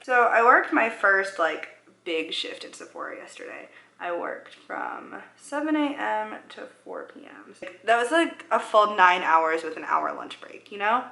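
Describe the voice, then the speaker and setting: A vlogger in her twenties rambles through a makeup tutorial as she applies it, poking fun at herself in her echoey living room. Her medium-pitched voice is bright and forceful, with big pitch swings and vocal fry. She keeps a measured pace and hardly pauses.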